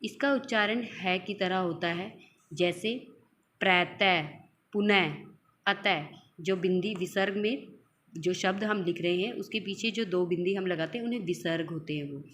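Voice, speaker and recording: A woman teacher giving a school grammar lesson, drawing out example sounds and explaining each point with repetition. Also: lowish voice. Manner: slow, drawn-out example sounds, explains and repeats.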